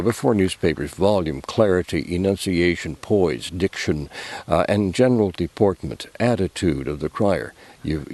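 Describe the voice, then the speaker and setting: A man answering interview questions as an organiser, in measured and formal wording. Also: low-pitched, darkish tone, no room sound. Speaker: competition organiser.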